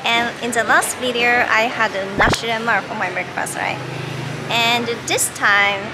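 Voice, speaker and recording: A Japanese woman vlogger with a Japanese accent, chatting casually and upbeat to her viewers while talking through a face mask. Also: a little high. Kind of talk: casual vlog chat. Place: food court, indoors. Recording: loud ambient noise behind.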